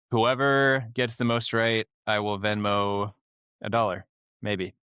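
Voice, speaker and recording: A man's voice: on the low side, little pitch movement, slow pace, sharp tone, clean tone, no room sound, highs cut off. A young man hosting a casual podcast chat, running a trivia quiz and laughing often. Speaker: podcast host.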